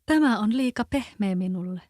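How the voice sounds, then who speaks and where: Curious little girl in a storybook, Kven accent, mellow and dry, read by a woman. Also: mid-range voice, animated, no room sound, natural voice. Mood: fussy.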